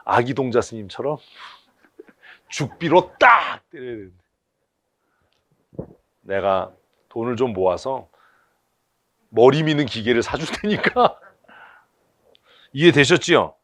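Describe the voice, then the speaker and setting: A man's voice: mid-range voice, very animated, takes it slowly, long pauses, fairly bright tone, dry recording. A man preaching a sermon in blunt, colloquial speech full of rhetorical questions. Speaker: pastor. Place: church service.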